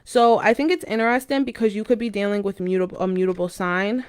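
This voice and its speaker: A woman giving a casual, mystical horoscope and tarot card reading to viewers in a halting, informal way with intuitive asides. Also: mid-range voice, steady tone, a little mellow, smooth.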